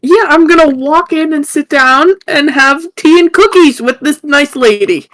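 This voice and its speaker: A young woman plays in a tabletop game, eager and excitable. Her voice is high, and the sound is close and dry. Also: unhurried, dry recording. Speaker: player.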